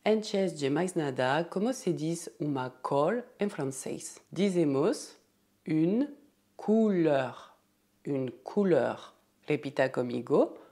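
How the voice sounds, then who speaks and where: A woman teaching French in a lesson, saying each word twice and slowly drilling repeat-after-me examples. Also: deep voice, expressive, mellow, faint music behind.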